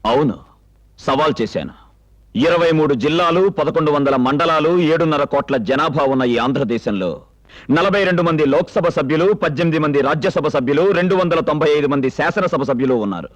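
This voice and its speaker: An actor playing a stern, righteous local strongman who lectures forcefully in a film drama. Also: fairly high pitch, a little fast, lightly acted. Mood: defiant. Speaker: local strongman called Anna.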